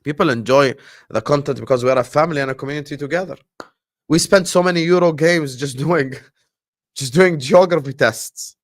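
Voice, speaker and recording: This livestream host, a native Arabic speaker from Jordan with an Arabic accent, runs an animated, casual watchalong full of shout-outs to viewers, his voice pitched a little high.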